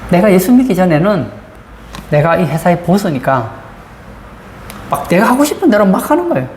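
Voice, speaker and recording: A woman's voice: lowish voice, very animated, moderate pace, a little mellow. A woman pastor preaching a sermon, asking the congregation frequent rhetorical questions. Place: church sanctuary. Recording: roomy church acoustics, faint background noise.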